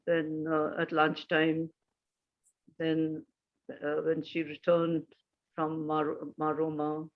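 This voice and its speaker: An older woman with an Indian English accent tells a personal anecdote, pausing often and restarting her sentences. Her voice comes through a slightly muffled recording. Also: deep voice, completely flat delivery. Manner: halting, anecdotal, frequent pauses and restarts. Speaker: guest. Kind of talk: casual storytelling conversation.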